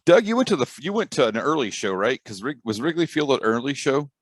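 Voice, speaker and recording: Lively American male podcast host. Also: mid-range voice, fast talker, no echo, studio quality. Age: middle-aged. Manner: joking, informal. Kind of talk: casual chat.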